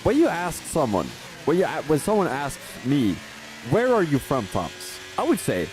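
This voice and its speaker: Over background music, a Belgian commentator calls a sim racing league event live at normal speed, his voice on the high side. He rambles through friendly tangents and lifts into excited shouts whenever someone overtakes.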